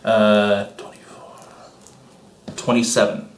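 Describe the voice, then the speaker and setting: A man's voice: fairly low pitch, level tone, slow pace. A man chatting casually as a player in a tabletop game. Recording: roomy echo with faint background noise.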